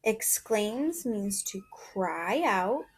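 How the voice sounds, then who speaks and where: Slow, sing-song woman teacher. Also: medium pitch, expressive, breathy edge. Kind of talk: reading lesson for young children.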